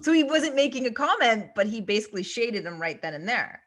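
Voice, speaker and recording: Woman co-host, chatty and laughing, bright voice with a lively, swooping delivery. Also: a little high, a little fast. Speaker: podcast co-host. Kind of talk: casual chat.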